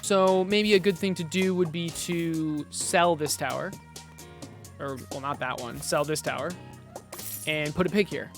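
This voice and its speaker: Over music, someone shows off a game they made, talking through it step by step in a relaxed way and fixing their own mistakes along the way. Their medium-pitched voice is steady and unhurried.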